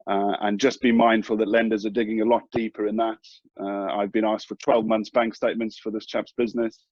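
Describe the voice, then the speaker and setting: Male mortgage broker, low voice, hesitant and measured, dull dry lo-fi audio. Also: little pitch movement, darkish tone, no echo. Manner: hesitant, measured, many fillers. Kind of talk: casual advice talk.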